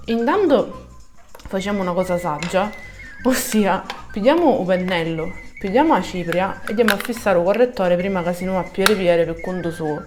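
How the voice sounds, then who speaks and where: A woman's voice: medium pitch, a little mellow. Southern Italian woman with a Sicilian accent. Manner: colloquial, repeats words for emphasis. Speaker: makeup tutorial host. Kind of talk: casual step-by-step makeup tutorial in Sicilian dialect.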